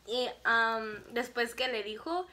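A young vlogger tells a casual storytime in a slow, rather high voice. She's animated, laughs often, and acts out what people said.

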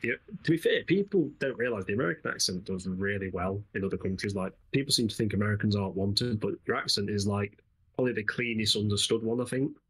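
A man's voice: fairly low pitch, fast talker, a bit bright, breathy edge, low-quality recording. An English man with an East Midlands accent, chatting casually and rambling while commentating a co-op game, laughing often. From England. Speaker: gaming channel host.

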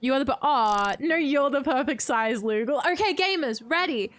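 A young woman streaming a game live from home, bubbly and excitable, greeting her chat and gasping with excitement. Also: high voice, normal speed.

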